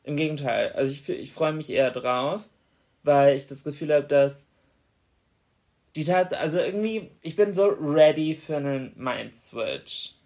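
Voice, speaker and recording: A woman's voice: low voice, measured pace, darkish tone. A woman in her late twenties co-hosting a podcast in casual chat, frank and teasing. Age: late 20s. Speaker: podcast co-host.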